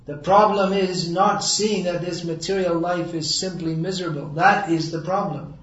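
A man's voice: high voice, fairly even intonation, moderate pace, fairly bright tone. A man giving a sermon to an audience, wry and sarcastic, then earnest and emphatic. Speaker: preacher. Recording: roomy echo, distant mic, dull sound.

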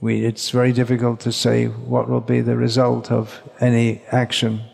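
A man giving a measured religious lecture in short phrases, pausing and repeating words while an interpreter follows. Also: medium pitch, monotone, gravelly, a little mellow. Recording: long hall reverb.

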